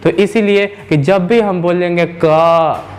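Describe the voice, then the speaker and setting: Guy teacher with a high voice, drags out sounds, keeps asking the class questions. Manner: repetitive, drawn-out sounds, asks rhetorical questions. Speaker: English teacher. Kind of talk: classroom lesson explanation.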